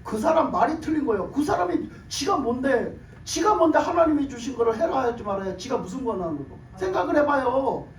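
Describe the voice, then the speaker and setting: A man delivers a sermon in a raspy, worn voice that sits extremely high. He presses his points with rhetorical questions and chuckles along the way. He is picked up from a distance in an echoey room with faint ambience behind him. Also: animated, brisk, hardly any pauses, a little hiss or hum. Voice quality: hoarse, broken voice from years of shouted prayer. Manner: emphatic, rhetorical questions, laughs while preaching. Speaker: pastor.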